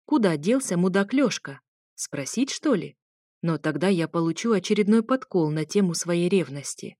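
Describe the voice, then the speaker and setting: A woman's voice: fairly low pitch, darkish tone, dry recording, clean studio sound. A woman reading a first-person story aloud, in a wry, conversational way. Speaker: audiobook reader.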